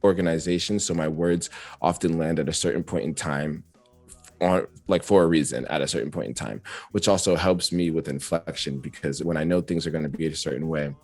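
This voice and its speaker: A man with a very low voice talks openly as a guest about his craft, rambling and laughing easily. The sound is dry and close, with faint music underneath. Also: brisk, darkish tone, no echo. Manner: talkative, reflective, laughs often. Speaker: rapper guest. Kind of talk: casual interview chat.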